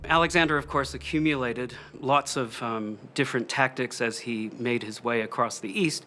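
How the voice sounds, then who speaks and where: A middle-aged man speaks as an interviewed expert in a documentary. His voice sits at a medium pitch as he explains in spoken, unscripted interview style, indoors. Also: moderate pace, pushed and bright, a little hiss or hum. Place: indoors in a book-lined room.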